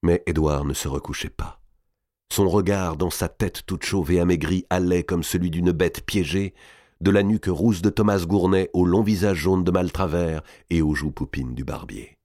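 A man reading a historical novel aloud in a dramatic, measured narration. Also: deep voice, darkish tone, no room sound, studio quality.

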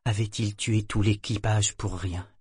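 A man reading an audiobook with steady, measured storytelling. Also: on the low side, slightly rough, no echo, clean studio sound. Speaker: audiobook narrator. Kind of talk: scripted audiobook narration.

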